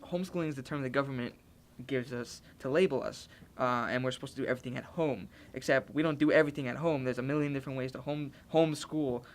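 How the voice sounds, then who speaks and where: A man's voice: mid-range voice, quick pace. A seventeen-year-old man, a graduating homeschool student, answering interview questions in a rambling, self-correcting way.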